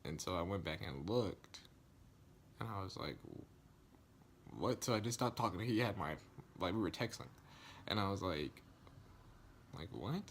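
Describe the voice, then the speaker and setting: A young man telling a casual storytime vlog, slangy and animated, acting out the quoted lines. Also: a little slow, pauses often, slight background noise. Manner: animated, acts out quoted lines, rises in pitch when indignant; loose slangy speech with many likes and restarts. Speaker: vlogger.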